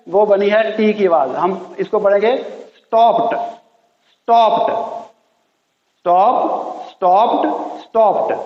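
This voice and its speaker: Slow, high-voiced man teaching pronunciation. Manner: slow, repeats each word several times. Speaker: English teacher. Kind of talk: slow classroom pronunciation lesson. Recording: echoey, dull lo-fi room sound.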